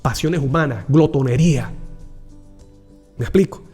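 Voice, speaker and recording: A man's voice: mid-range voice, a little slow, a little mellow, husky. A man preaching a Bible reflection, earnest and personal, calling the listener dear brother. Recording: long hall reverb with faint music behind.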